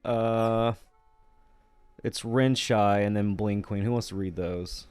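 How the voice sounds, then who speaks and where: A man's voice: on the low side, fairly even intonation, takes it slowly, a little mellow, clear, resonant tone, no room sound. A man hosting a casual live-stream chat, reading viewer comments aloud in an easygoing way with plenty of fillers. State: still waking up.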